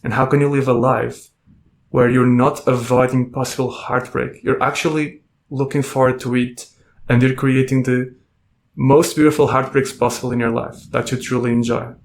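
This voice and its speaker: Calm man musing in a flat voice. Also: medium pitch, normal speed. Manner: calm, gentle, asks many rhetorical questions. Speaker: podcast host and coach. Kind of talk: reflective self-help monologue.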